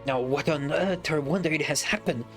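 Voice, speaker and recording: A storybook reader voicing a gruff dwarf leader who gives orders in a lower, stern manner. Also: moderate pace, soft background music, lightly acted. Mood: puzzled.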